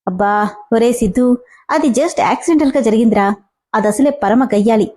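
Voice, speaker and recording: A teasing young college guy, read by a woman narrator in a storybook, light and mocking. The voice sits high and mellow. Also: moderate pace, close to an everyday voice. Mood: musing. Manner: teasing, mock-scared, light. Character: playful teasing male college student.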